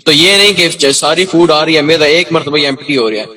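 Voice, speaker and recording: Male teacher, lecture style, reads aloud then explains, fairly high voice. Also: sharp tone, low-quality recording. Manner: frequent check-ins.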